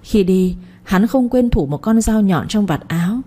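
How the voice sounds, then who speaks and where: Woman audiobook narrator, steady delivery, dark husky timbre. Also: mid-range voice, measured pace. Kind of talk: scripted story narration.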